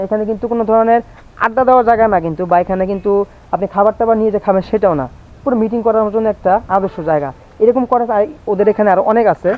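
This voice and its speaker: High, fast-talking man vlogging outdoors. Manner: chatty, keeps asking viewers to look. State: voice going hoarse. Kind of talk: walking tour vlog. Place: outdoors on a windy farm estate. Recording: dull lo-fi phone audio with faint outdoor noise.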